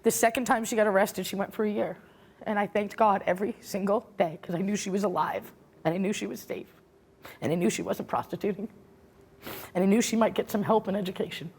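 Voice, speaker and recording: A woman's voice: mid-range voice, a little fast, darkish tone, husky. A middle-aged woman speaking as a guest on a talk show, earnest and regretful, turning defensive when challenged. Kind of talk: emotional talk show testimony.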